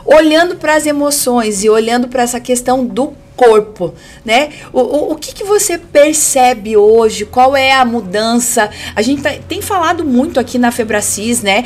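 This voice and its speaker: A Brazilian woman speaks as a podcast host in a fairly high voice. It is a bit hoarse, as if giving out. Her delivery is casual and effusive, with words repeated for emphasis. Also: animated, unhurried, few pauses. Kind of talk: casual conversational hosting.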